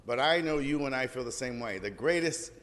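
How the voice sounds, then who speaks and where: A man's voice: mid-range voice, lively intonation, a little fast, a bit bright. A mature man giving an informal ceremonial speech as a council member, folksy and building on repeated phrases. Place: large council chamber. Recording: echoing hall with background noise.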